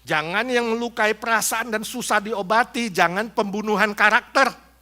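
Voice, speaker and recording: A man preaching a sermon to a congregation, animated and humorous, acting out little quotes as he goes. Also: sits high, normal speed. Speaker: pastor. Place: church in Los Angeles.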